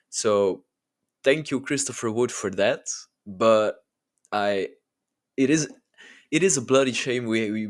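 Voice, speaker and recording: A man hosting a football channel, giving casual ranking commentary in a chatty, informal and enthusiastic manner. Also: fairly low pitch. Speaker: YouTube football channel host.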